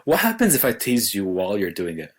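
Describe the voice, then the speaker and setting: A young man co-hosting a casual tech podcast, teasing his friend and telling stories in a joking, animated way. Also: lowish voice, brisk. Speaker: podcast co-host.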